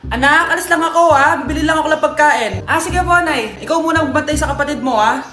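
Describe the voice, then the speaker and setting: A woman acting in a comedy skit, giving brisk motherly instructions. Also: high voice, bright, forceful tone. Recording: roomy with clear music behind.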